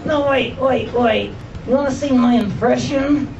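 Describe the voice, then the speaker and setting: A woman ventriloquist voicing a cheeky, silly dog puppet in a squeaky dummy voice, in a stand-up routine. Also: measured pace, creaky, crowd noise. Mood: silly, boastful. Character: cheeky, silly dog puppet, a bull terrier and shih tzu cross. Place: comedy club stage. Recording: muffled, distant club recording with loud audience.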